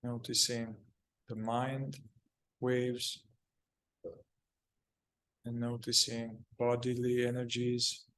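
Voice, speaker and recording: The audio is poor as a man with a mid-range voice guides a meditation, speaking calmly in short, faltering bits separated by long pauses.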